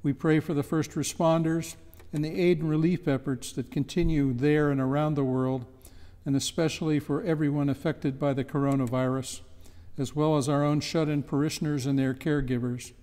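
An older man reads intercessory prayers in a slow, reverent, measured way. His voice is mellow and slightly raised, and it rings out with the long reverb of a church sanctuary. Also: fairly high pitch, fairly even intonation. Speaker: prayer leader. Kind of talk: liturgical prayers of the people. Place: church chancel, indoors.

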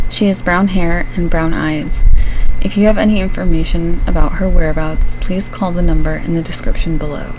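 A woman from Syria narrating a true crime video in a measured, earnest, explanatory way. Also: fairly low pitch, rough recording. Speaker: true crime channel host.

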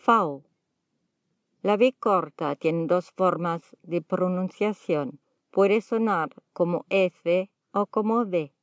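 A woman gives a pronunciation lesson, saying each letter and word on its own with long pauses between them. She speaks very slowly and carefully, in a voice a little on the low side. The sound is close and dry, with no room echo. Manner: sounds out single words and letters one at a time, with pauses. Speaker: language teacher. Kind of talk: slow, deliberate pronunciation lesson.

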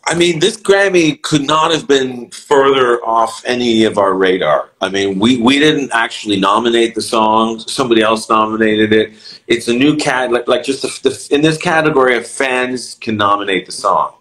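Middle-aged guy musing about music, lots of you knows and restarts, mid pitch. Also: normal speed, fairly bright tone, poor audio. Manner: reflective, many restarts and "you know". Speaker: music producer and songwriter, guest. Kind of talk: casual interview conversation.

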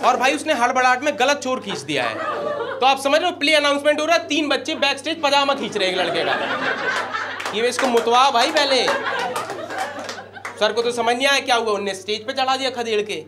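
High-voiced Indian stand-up comic. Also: male voice, a little fast. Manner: animated, acts out quoted lines, addresses the crowd directly. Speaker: stand-up comedian. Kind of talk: stand-up comedy storytelling. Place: comedy stage before a live audience. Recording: live show with loud crowd laughter and noise. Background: loud audience laughter.

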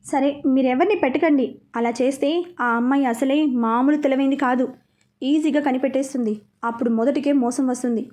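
A woman's voice: high voice, fairly even intonation, fast talker, dark tone, close to an everyday voice. A woman reading the part of a suspicious young man who speaks firmly to his father in a storybook narration. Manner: suspicious, firm.

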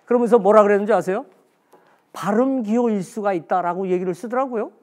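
A man's voice: sits high, fast, a little mellow. A man giving a special history lecture in a blunt, colloquial way, asking himself questions and answering them.

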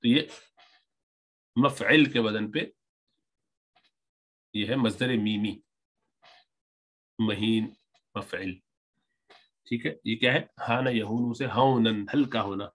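A man teaching Arabic grammar, reading lines slowly and explaining them word by word. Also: fairly low pitch, a bit bright. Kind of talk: grammar lesson, reading and translating Arabic text.

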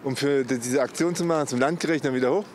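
A middle-aged man from East Berlin, answering a street interview in a rambling, halting way with many restarts, on a city square into a handheld mic. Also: medium pitch, a little mellow. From East Berlin, Germany. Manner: halting, restarts often, insistent. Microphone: handheld mic held by interviewer. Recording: faint street traffic noise.

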